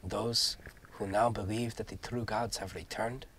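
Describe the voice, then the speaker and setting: A man voicing a solemn, courteous knight in a tabletop game, speaking formally and gravely in measured phrases. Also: on the low side, steady tone, a bit bright, a little hiss or hum. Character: solemn, courteous male knight bidding allies farewell. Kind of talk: tabletop game character acting.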